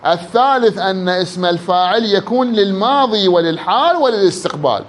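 Male grammar teacher with an Iraqi accent, high-pitched. He quizzes the class and draws out example words slowly. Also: lively intonation, slight background noise. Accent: Iraqi Arabic. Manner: quizzes students, drawls words out slowly to illustrate. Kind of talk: classroom lesson.

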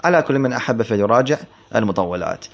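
Man teaching grammar slowly, dull lo-fi sound. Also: mid-range voice, lively intonation. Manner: slow, explanatory, repeats words for emphasis, asks rhetorical questions. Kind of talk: classroom text commentary. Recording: dull lo-fi recording.

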